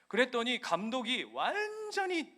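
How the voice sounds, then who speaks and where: A male pastor preaching a sermon in a church, animated and acting out scenes vividly. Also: very high-pitched, unhurried.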